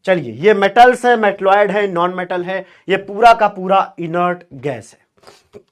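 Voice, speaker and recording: High-voiced, lively chemistry teacher. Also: male voice, measured pace. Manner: animated, teasing, quizzes students. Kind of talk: online class lecture.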